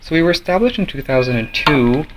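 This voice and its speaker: A young man from Norway, a student association president, answering interview questions in a measured way with many fillers and restarts. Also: on the high side, expressive, loud music behind the voice, rough recording. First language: Norwegian. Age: young adult.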